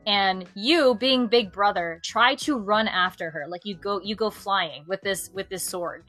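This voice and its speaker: A woman streamer telling a game's story in a casual chat, animated and full of fillers. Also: mid-range voice, measured pace, soft background music.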